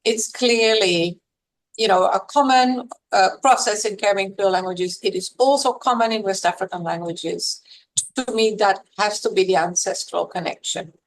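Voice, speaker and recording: On a low-quality recording, a professor speaks as a podcast interview guest, her mid-range voice moving through explanations in a measured, lecturing way with occasional fillers.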